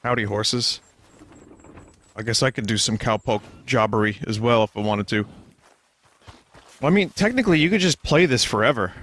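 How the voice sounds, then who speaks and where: A man's voice: medium pitch, normal speed, pauses often, fairly bright tone. A man giving casual, joking commentary while streaming a game, often swearing. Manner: joking, profane, mock voices.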